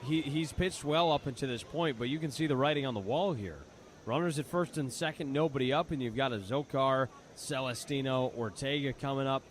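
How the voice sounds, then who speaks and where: Faint outdoor ballpark ambience underlies a man giving live baseball analysis as a color commentator. His mid-range voice moves fairly quickly, and his conversational reasoning is full of repeated words.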